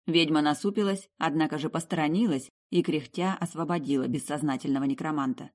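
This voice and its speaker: A woman narrates a fantasy audiobook with measured, expressive storytelling. Her voice sits low, and she reads from a script.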